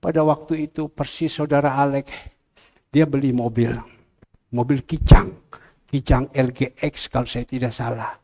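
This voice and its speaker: A man's voice: medium pitch, little pitch movement, normal speed, darkish tone. A middle-aged male pastor preaching a sermon, emphatic and drawing out key words for stress.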